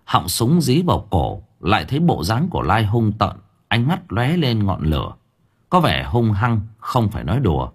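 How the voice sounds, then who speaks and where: Husky male audiobook narrator. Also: lowish voice, wildly swooping pitch, moderate pace. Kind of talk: scripted story narration.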